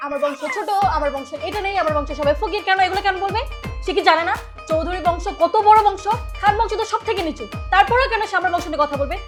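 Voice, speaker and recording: An actress playing a proud young wife who complains quickly and indignantly about her mother-in-law. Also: extremely high pitch, music in the background. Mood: aggrieved. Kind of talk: TV drama acting.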